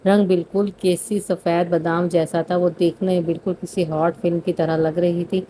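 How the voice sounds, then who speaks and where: A woman's voice: fairly low pitch, level tone, mellow, slight background noise. A woman narrating a romance novel, reading steadily with occasional slips and restarts. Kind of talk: scripted audiobook narration.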